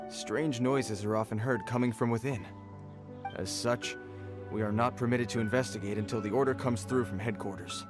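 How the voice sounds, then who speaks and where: Man acting as a male guard on patrol, earnest, measured, mid-pitched, formal, game dialogue over music. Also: close to an everyday voice.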